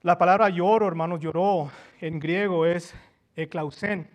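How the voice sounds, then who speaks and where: A man's voice: sits high, fairly even intonation, a little slow, highs cut off. A male preacher delivering a sermon to his congregation, repeating each passage in two languages with growing fervor. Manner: switches between Spanish and English, repeating each passage; addresses the congregation as brothers, rising in fervor. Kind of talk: bilingual sermon.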